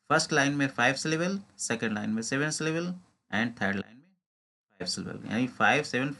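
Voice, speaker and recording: Here the Indian-accented instructor sounds mid-range and fairly bright. He goes through English exam questions at a slow pace and explains each one in Hindi.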